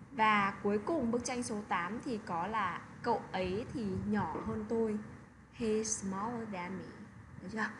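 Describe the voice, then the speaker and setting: A woman's voice: mid-range voice, noisy background. A woman teaching an English lesson to children, who keeps checking in with little tag questions. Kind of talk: online lesson explanation.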